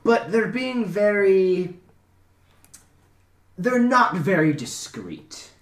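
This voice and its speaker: A man's voice: high voice, sing-song, extremely slow, voice pushed up, heavily acted. A man voicing a curt male agent boss who hands out a job in a blunt, matter-of-fact way, recorded in a roomy space. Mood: businesslike. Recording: roomy echo.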